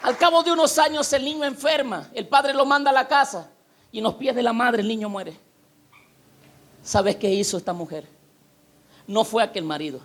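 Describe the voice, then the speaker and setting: A man's voice: very high voice, moderate pace, long pauses, a bit bright. A male pastor, preaching a fervent storytelling sermon and calling on the congregation to respond.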